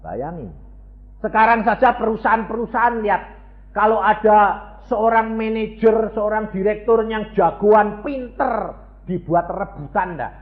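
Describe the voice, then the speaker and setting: An elderly man of around eighty from Central Java, Indonesia, preaches a sermon in a high, somewhat slow voice with a Javanese accent. He teases his congregation with rhetorical questions. The audio sounds tinny and phone-like, captured in an echoey hall.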